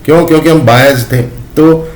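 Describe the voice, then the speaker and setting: A man's voice: on the high side, moderate pace, a little mellow, reverberant. A man teaching a lesson, repeating his points and often calling his listeners friends. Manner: repetitive, addresses listeners as friends. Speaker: trading educator. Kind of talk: explanatory lesson.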